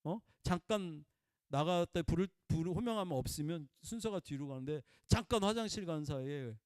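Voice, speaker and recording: A man preaching a conversational sermon in a folksy way, prompting listeners with "eh?" and swinging between loud emphatic bursts and quiet murmurs. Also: fairly high pitch, lively intonation, normal speed, dry recording, clean studio sound. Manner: folksy, peppers talk with prompting "eh?" to the congregation.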